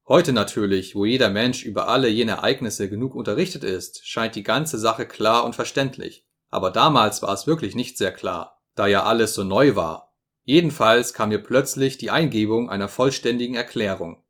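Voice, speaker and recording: A man reading an audiobook aloud in a steady, expressive way. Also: on the low side, moderate pace. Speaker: audiobook narrator.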